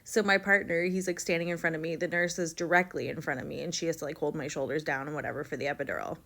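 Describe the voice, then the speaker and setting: A young woman tells a personal story in a casual vlog. Her voice sits a little low, and she fills it with likes. She bounces between narration and livelier voices for the people she quotes. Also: fairly even intonation, quick pace, vocal fry, a bit bright. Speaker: vlogger telling her birth story.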